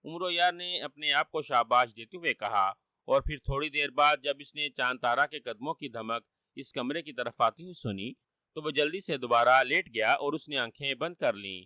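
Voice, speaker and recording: A man narrating a children's story in a steady, expressive way. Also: medium pitch, no echo.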